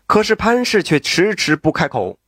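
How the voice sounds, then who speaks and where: A man telling a story in a traditional storytelling style, lively with folksy asides and exclamations. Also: high-pitched, normal speed, no room sound, clean studio sound.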